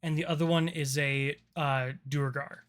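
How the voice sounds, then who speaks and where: A man narrating a tabletop roleplaying game as game master in a casual, halting way. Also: a little high, steady tone, fairly bright tone, clean tone.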